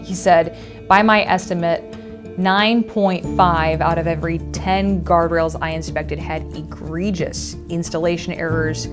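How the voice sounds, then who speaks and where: American woman reporter, low-pitched, investigative news exposé. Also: fairly even intonation, unhurried, music in the background.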